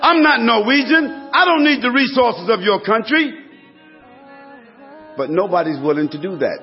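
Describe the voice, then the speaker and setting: A man's voice: extremely high pitch, animated, moderate pace. A man preaching a sermon to a congregation, building his points through emphatic repetition. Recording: dull lo-fi recording with faint music.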